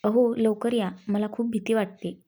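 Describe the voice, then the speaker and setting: A woman's voice: a little high, fairly even intonation, normal speed, dark tone. A woman voicing a shy, pampered young wife who pleads and pouts in a read-aloud story. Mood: coy. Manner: pleading, coy.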